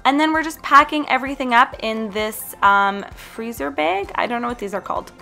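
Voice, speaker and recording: This healthy food vlogger, a young Canadian woman, chats through a casual, upbeat voice-over and recommends foods directly. Her fairly high voice is animated, creaky and sharp in tone at a normal speed, and faint music sits behind it.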